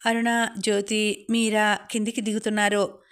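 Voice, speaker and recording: A woman reads a story aloud as an audiobook narrator. Her pitch sits in the middle and barely moves, so the narration sounds flat and even. She reads at a steady pace throughout. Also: normal speed, clean tone.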